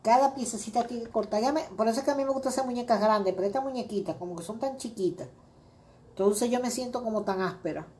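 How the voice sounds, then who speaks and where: A woman's voice: on the high side, fast talker, dark tone. A middle-aged woman hosting a crafting video, chatting casually and rambling with many fillers as she greets viewers by name. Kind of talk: casual crafting livestream chat.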